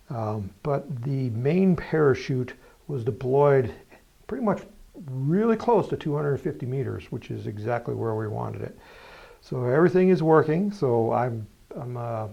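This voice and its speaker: Man, medium pitch, fry in the voice, casual demo narration, plain-spoken tutorial presenter. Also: dark tone, muffled recording. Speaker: presenter of hobby rocketry tutorial. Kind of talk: casual hands-on demonstration narration.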